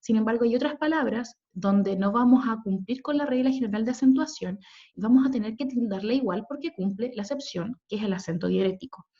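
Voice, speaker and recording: A woman teacher walks her students through a recorded grammar lesson, patiently spelling out letters and syllables and checking that they follow. Her voice sits fairly high, and the recording sounds dull and lo-fi. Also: a little fast, dark tone. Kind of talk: recorded online grammar lesson over slides.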